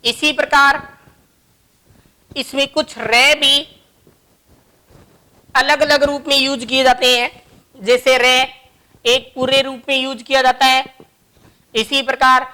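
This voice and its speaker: A woman teaching grammar in a high, bright voice. She moves slowly, explaining each example word by word. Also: level tone. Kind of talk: classroom grammar lesson.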